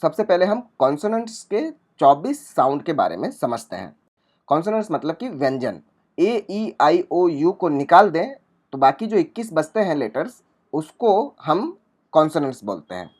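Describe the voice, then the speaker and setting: Lively man teaching English sounds. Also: fairly high pitch, moderate pace. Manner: explains step by step, repeating each sound and example word; reads notes from a laptop below him while teaching. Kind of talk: spoken-English lesson.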